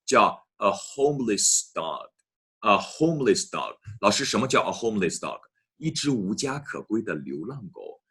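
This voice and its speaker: Husky low-voiced male English teacher. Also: sing-song, sharp tone. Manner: repeats phrases slowly, addresses students often. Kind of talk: online English lesson.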